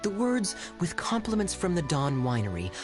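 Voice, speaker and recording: An actor voicing a sly, charming male knight in a game who teases with smooth, wry words. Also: sits high, huge pitch swings, normal speed, music in the background. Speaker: game character. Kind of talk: game voice acting.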